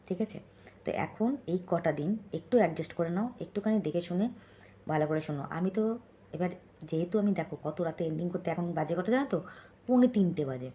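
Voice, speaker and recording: Soft-spoken woman talking close to the phone. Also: deep voice, a little hiss or hum. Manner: speaks softly and close to the phone so as not to wake others; chatty, keeps checking in with listeners. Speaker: vlogger. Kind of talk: late-night vlog outro, reading viewer comments. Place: home at night. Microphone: phone held close.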